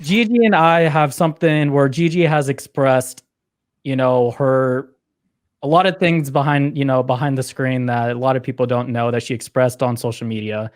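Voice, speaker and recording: A man hosts a podcast in an earnest, halting way, often starting over as he frames his questions. His voice sits at a middle pitch. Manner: halting, earnest, many fillers and restarts. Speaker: podcast host. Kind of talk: conversational interview.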